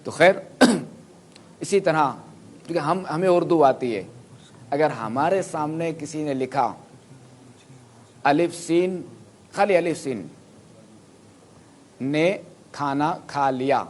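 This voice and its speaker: Man preaching a sermon with examples. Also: fairly high pitch. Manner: explains Quran pronunciation with spoken examples, asks listeners to raise hands. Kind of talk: sermon to a live audience.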